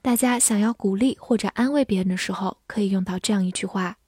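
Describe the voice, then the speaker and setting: Chinese-speaking woman teacher spelling out english words, mellow soft voice. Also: medium pitch, husky, no room sound, studio quality. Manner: spells words letter by letter and reads example sentences slowly. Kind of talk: scripted vocabulary lesson.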